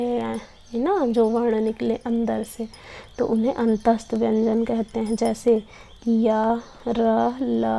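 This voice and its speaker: Woman teacher, mellow gravelly voice, slow and patient, sounds out each letter. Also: on the high side. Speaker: Hindi teacher. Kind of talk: slow classroom explanation.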